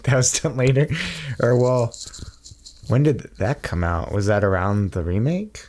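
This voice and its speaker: A man's voice: mid-range voice, animated, a little slow, a little mellow, a little hiss or hum. A man co-hosting a podcast, chatting casually in a rambling way with dry jokes. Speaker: podcast co-host. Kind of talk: casual chat.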